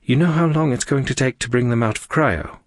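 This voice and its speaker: A man voicing a brisk, bossy young woman starship officer in an audiobook, giving orders. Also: medium pitch, no echo, studio quality, voice pushed up, natural voice. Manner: commanding, brisk.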